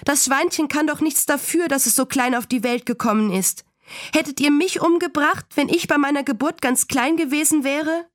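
A woman voicing an eight-year-old farm girl who pleads in a high, agitated voice. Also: lively intonation, moderate pace, hardly any pauses, dry recording, studio quality. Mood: upset pleading.

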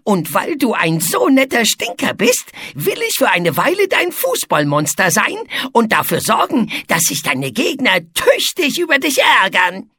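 A man voicing a small, boastful, mischievous male ink monster with three legs, in a squeaky, gleeful voice. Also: huge pitch swings, unhurried, husky, full character voice. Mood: gleeful boasting. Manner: squeaky, gleeful, shouting and singing.

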